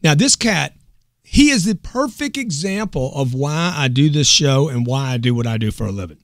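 A man hosting a motivational talk show, loud and pushy with a hyped salesman delivery. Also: fairly high pitch, expressive, normal speed, dry recording, studio quality. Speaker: show host.

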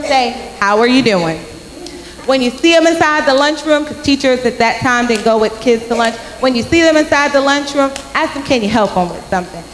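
Speaking into a handheld microphone, a young youth speaker animates a story for a church congregation, acting out the quoted voices. Her voice is high-pitched, and the far-off camera recording of the big, echoey sanctuary carries a little hiss or hum.

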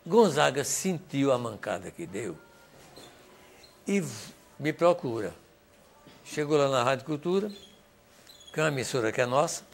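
A man's voice: a little high, gravelly, a little hiss or hum. An older man with a Northeastern Brazilian accent, a songwriter telling stories and acting out the dialogue as he goes. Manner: animated, acts out dialogue and sings snippets. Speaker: songwriter giving testimony. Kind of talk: storytelling testimony.

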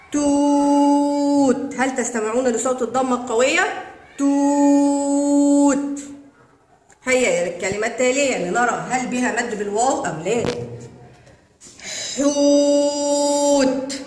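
A woman with an Egyptian accent teaching young children to read, stretching long vowels slowly as she sounds out words. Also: on the high side. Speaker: kindergarten Arabic teacher. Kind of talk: children's reading lesson. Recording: echoey room with long reverb.

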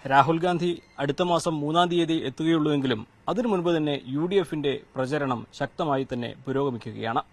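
A male field reporter reads a brief scripted report and then turns to question a guest. His voice sits slightly high for a man. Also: normal speed. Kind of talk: field news report and interview.

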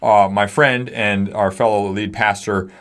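A man's voice: lowish voice, fairly even intonation, a little slow, a bit bright. A man in his forties, a pastor co-hosting a podcast, explaining things earnestly in a small studio. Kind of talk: casual podcast discussion. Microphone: studio mic on stand.

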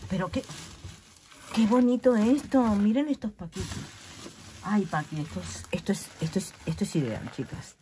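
A woman's voice: medium pitch, animated, moderate pace, dark tone, slight background noise. A woman with a Spanish accent, chatting animatedly to her followers while unboxing a gift at home, laughing often. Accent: Spain. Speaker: craft vlogger. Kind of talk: casual chat unboxing a gift. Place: at home in her craft room. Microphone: laptop mic.

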